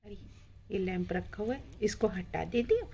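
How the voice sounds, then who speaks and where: A woman voicing a lively, curious little village girl in a children's doll story, chatting to herself. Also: medium pitch, moderate pace, a little hiss or hum, close to an everyday voice. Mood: chatty.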